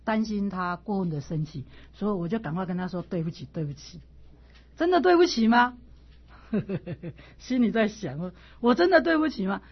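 A middle-aged woman teaching a class on classical texts, telling personal stories in an animated way and often repeating herself as she restarts. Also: mid-range voice, breathy edge. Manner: animated storyteller, repeats words and stammers on restarts. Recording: dull lo-fi recording.

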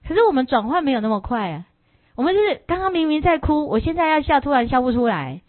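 A woman giving a lively Buddhist dharma talk, telling a story and firing questions at her listeners. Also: sits high, quick pace, dry recording. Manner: animated, rhetorical questions to the audience. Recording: tinny lo-fi, dry.

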